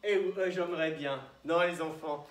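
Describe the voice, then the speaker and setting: A man's voice: on the high side, steady tone, normal speed. A man teaching young children in a classroom, patiently sounding out words syllable by syllable. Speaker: primary school teacher. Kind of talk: classroom phonics lesson. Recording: echoey room.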